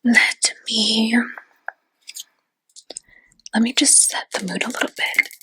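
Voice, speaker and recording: A woman's voice: fairly high pitch, steady tone, slow pace, bright, forceful tone. A woman whispering in a chatty ASMR roleplay as a fortune teller, with lots of casual fillers.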